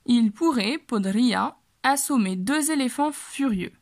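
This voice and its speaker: Woman, young, French speaker, unhurried, patient teacher, repeats words, fillers. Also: a little high, lively intonation. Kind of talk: reading lesson, slow explanation.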